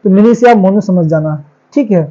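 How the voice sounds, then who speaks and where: A male teacher delivers a classroom lecture on English grammar, asking questions and answering them himself while repeating the key words. His voice sits high with a dark tone, and he speaks a little fast. The classroom recording is dull and lo-fi.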